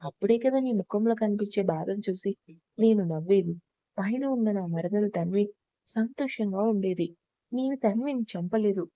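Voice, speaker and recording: A woman's voice: mid-range voice, warm tone, no room sound, close to an everyday voice. A woman voicing a vengeful young husband who taunts and threatens, in a dull lo-fi recording.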